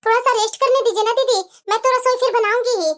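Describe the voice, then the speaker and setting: Brief: woman playing a polite cartoon young wife, meek and pleading, voice very high. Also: steady tone, quick pace.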